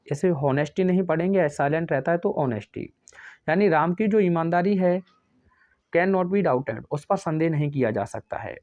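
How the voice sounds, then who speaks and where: A man's voice: on the high side, a little mellow, no room sound. Teacher quizzing his class, dull dry audio. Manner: asks questions and answers them himself, calls students friends; dictates English sentences very slowly. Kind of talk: classroom grammar lesson.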